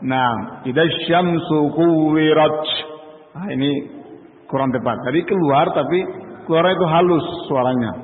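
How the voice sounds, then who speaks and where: A man's voice: medium pitch, moderate pace. A man teaching Quran recitation, patiently drilling letter sounds, correcting pronunciation and chanting syllables for students to repeat. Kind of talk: tajweed lesson with call-and-repeat drills. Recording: echoey hall, tinny phone-like audio.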